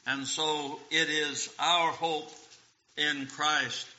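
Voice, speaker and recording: A man preaching a sermon in a church, speaking slowly and deliberately with a bright, forceful tone. His voice rings through a roomy sanctuary on a dull, lo-fi recording. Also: a little high, steady tone. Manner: slow, deliberate delivery, quoting hymns and scripture. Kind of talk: sermon on hymn lyrics.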